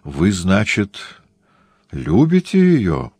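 A man voicing a cool-headed Jesuit priest who asks measured, probing questions. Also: low-pitched, wildly swooping pitch, vocal fry, a little mellow, breathy edge, no echo, heavily acted. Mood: calm.

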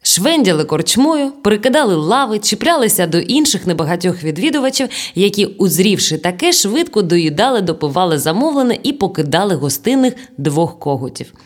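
A woman narrates an audiobook with expressive storytelling. Her voice sits on the low side for a woman, and her pitch rises and falls a great deal as she tells the story. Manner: lively, storytelling delivery.

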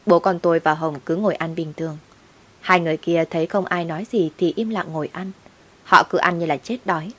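A woman narrating a first-person story in a steady, unhurried way. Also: lowish voice.

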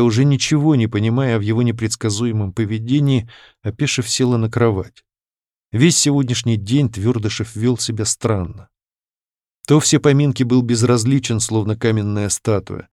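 Male audiobook narrator, steady literary delivery, mid pitch, dry sound. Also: dry recording. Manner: even, measured literary reading. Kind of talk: scripted narration.

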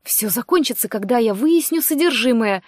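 Woman reading as a tense, impatient young heroine, fairly high voice, dry close sound. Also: animated, moderate pace, no room sound. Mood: frustrated. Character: young heroine, jittery and hot-tempered. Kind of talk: audiobook character voice.

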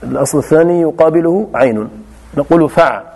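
A man's voice: on the high side, fairly quick, vocal fry, darkish tone, husky. A man teaching a grammar class who explains step by step and often repeats his key phrases. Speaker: teacher of Arabic morphology. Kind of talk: classroom lesson.

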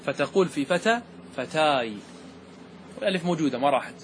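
A man teaching grammar, asking the class questions and slowing down to stress key words. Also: a little high, lively intonation, a bit bright, a little hiss or hum. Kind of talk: classroom lesson explaining verse.

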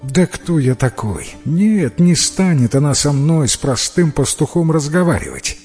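A man's voice: a little high, expressive, unhurried, a little mellow, husky, faint music behind, exaggerated voice. A man reading a fairy tale, voicing a modest, doubtful young shepherd. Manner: hesitant, self-doubting.

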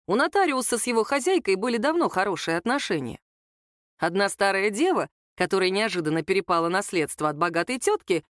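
A woman narrating an audiobook in an expressive storytelling manner. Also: mid-range voice, no room sound, studio quality. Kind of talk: scripted narration.

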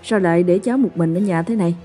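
A woman voicing a concerned middle-aged passerby who questions a frightened boy in a brisk, practical way. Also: on the low side, warm tone, soft background music, natural voice.

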